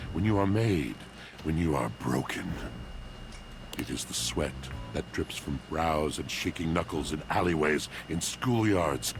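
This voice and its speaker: Very deep, brooding theatrical villain. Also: male voice, background noise. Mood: solemn, brooding. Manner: theatrical, grandiloquent dramatic monologue. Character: brooding, melancholy, poetic male washing machine with villain voice. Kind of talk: dating sim game voice acting.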